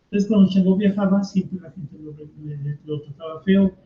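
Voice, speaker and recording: High-voiced man teaching in a roomy space. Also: moderate pace. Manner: conversational, frequent rhetorical questions. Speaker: teacher leading a commented reading. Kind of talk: explanatory lecture. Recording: roomy, dull lo-fi sound.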